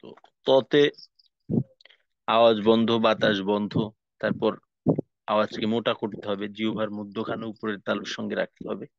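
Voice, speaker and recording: In this recorded class, a male tajweed teacher with a fairly low, flat voice and some vocal fry works through Quran letter pronunciation. His pace is slow: he lays out each step, then demonstrates the sounds in repeated drills. The audio is dull and lo-fi, with no room sound.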